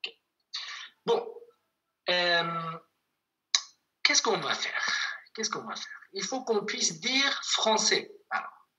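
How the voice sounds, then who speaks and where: Online language teacher, unhurried, piercingly bright timbre, patient repetition. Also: medium pitch, poor audio. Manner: patient, repeats words slowly for students. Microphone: video call.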